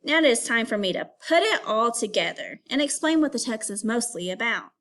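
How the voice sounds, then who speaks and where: A woman delivers a brisk read-aloud lesson aimed at children, using a fairly high voice with very animated intonation. In the manner of an elementary teacher, she speaks clearly and instructs her young listeners step by step.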